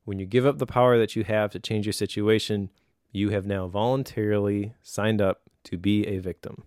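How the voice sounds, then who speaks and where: A man's voice: on the low side, steady tone, moderate pace, darkish tone, clean tone, no room sound, studio quality. A middle-aged man co-hosting a podcast in casual chat, reflective and acting out excuses in quoted voices. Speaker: podcast co-host.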